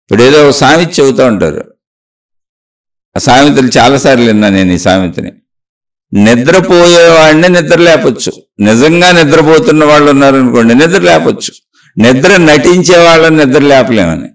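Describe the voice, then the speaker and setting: A man's voice: medium pitch, animated, normal speed, distant mic. A man giving a spiritual talk, preaching earnestly through a string of repeated rhetorical questions. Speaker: spiritual speaker.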